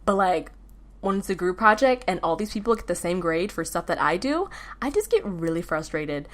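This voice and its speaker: This solo podcast is hosted by an American teenage girl whose lowish voice is very animated at a normal speed. Her talk wanders, packed with fillers and self-interruptions.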